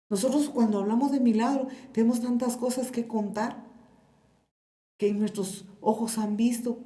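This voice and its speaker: A woman's voice: mid-range voice, mellow, echoey room. A woman pastor with a Guatemalan Spanish accent, telling stories in a sermon and speaking straight to the congregation. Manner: storytelling, addresses the congregation directly. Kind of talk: sermon with testimony.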